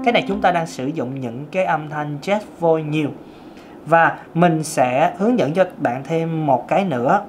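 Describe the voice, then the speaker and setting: During a singing lesson, a Vietnamese teacher with a light, thin tenor chats casually, teases himself and sings scales for demonstration. His pitch is a little high and his pace measured. Soft music is audible in the background.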